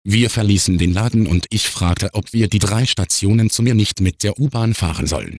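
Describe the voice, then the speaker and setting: A man with a fairly low voice reads an anonymous confession aloud as scripted narration. He keeps an even, matter-of-fact storytelling tone, and the recording is close and dry with no room sound. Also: fairly quick, no echo.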